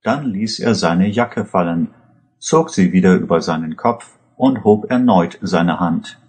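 A male narrator reads a story aloud in a deep voice. His pace is slow and even, and each sentence is measured out carefully. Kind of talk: read audiobook narration.

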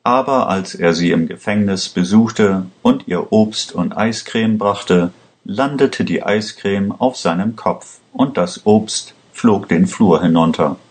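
A man reading a story aloud in a slow, measured way. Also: lowish voice. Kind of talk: scripted storybook narration.

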